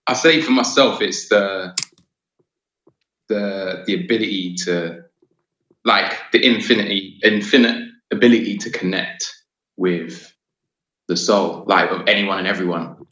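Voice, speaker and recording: Echoey, low-voiced man chatting. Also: measured pace, pauses often, a bit bright. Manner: slangy, peppers talk with "bro" and "like". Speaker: podcast guest, creative. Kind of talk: casual storytelling chat. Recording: echoey room, slightly dull sound.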